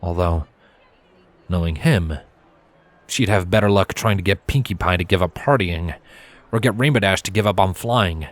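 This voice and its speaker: A man with a low voice reads a fan fiction story aloud as narrator, in scripted storybook style. He speaks at normal speed with long pauses, and there's no room sound.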